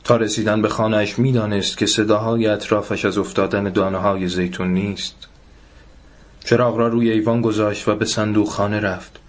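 A man narrating a literary short story in a measured, even reading voice. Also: fairly low pitch.

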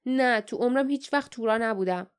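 A woman's voice: a little high, smooth, natural voice. A woman voicing a blunt, defiant former palace guard in an audiobook. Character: gruff, proud former palace guard man.

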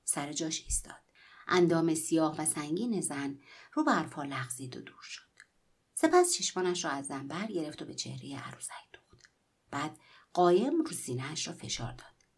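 A woman reading a literary story aloud in a hushed, whispery narrating voice. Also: low-pitched, big pitch swings, breathy edge. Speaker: story reader.

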